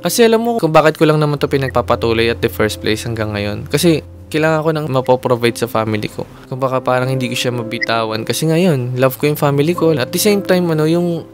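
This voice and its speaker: A young man from the Philippines shares an earnest, heartfelt story on a video chat, his voice sitting at an ordinary middle pitch. Emotion swings his pace from rushing to slow and deliberate. Music plays clearly underneath. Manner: earnest, animated, speeds up and slows down with emotion. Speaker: content creator and singer hosting video-chat serenades. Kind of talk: casual heartfelt storytelling in Taglish. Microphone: streaming to a video chat.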